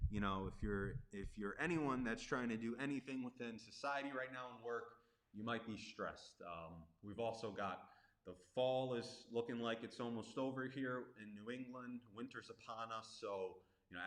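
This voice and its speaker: A man with a fairly low voice speaks as a breathing and meditation coach. He explains in an informal, conversational live-stream style. The room adds a clear echo around his words. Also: fairly bright tone. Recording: roomy, echoing live stream.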